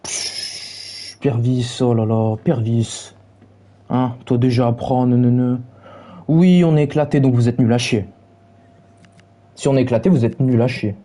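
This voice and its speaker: A man's voice: mid-range voice, steady tone, unhurried, pauses often, mellow, slight background noise. A young man streaming, reviewing match stats while mockingly taunting his chat in brash slang.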